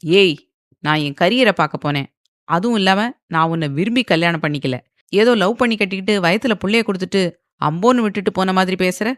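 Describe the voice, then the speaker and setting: A woman's voice: on the low side, moderate pace, long pauses, a bit bright, no echo, studio quality, natural voice. Woman doing a cocky, taunting male film star. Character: arrogant male film star, mocking and forceful.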